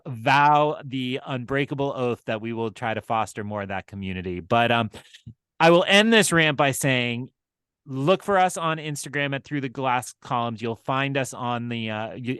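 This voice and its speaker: Male podcast co-host, mid pitch, loose and earnest, self-correcting, dry close mic. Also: fairly bright tone, clean tone, no echo. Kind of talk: casual podcast chat.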